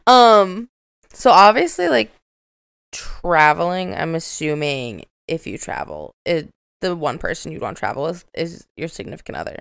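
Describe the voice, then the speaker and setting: A young woman co-hosts a casual podcast chat with a lively, bouncing voice. She laughs often and talks in an animated way. The sound is dry and close to the mic. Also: fairly low pitch, a little slow, vocal fry, long pauses, dry recording. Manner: animated, laughs often, shrieks when amused. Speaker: podcast co-host.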